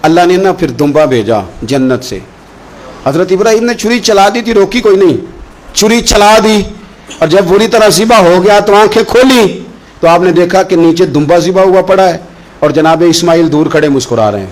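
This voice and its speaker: A male preacher telling a religious story with passion, slowing into chanted recitation of verses. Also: high-pitched, lively intonation, poor audio. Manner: impassioned, slow chanted Quran recitation between stories. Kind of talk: Urdu sermon storytelling.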